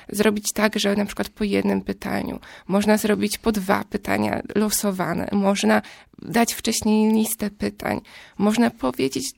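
A woman in her twenties talking through her view in a casual discussion, measured and explanatory, building long argued sentences. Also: mid-range voice, gravelly, a little mellow, no room sound, clean studio sound.

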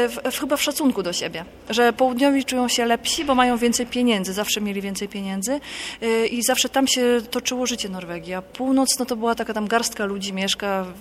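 A woman from Poland, a guest author, answering interview questions in a thoughtful, explanatory and unhurried way. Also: a little high, slight background noise.

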